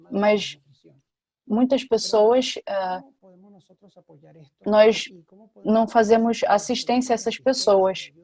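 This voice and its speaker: Give me a woman with a mellow voice, interpreting a panel talk steadily. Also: on the high side.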